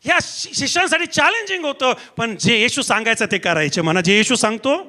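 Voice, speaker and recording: A man's voice: very high voice, very animated, brisk, sharp tone. A male pastor delivering an impassioned Marathi sermon in a church, calling out to his congregation for responses.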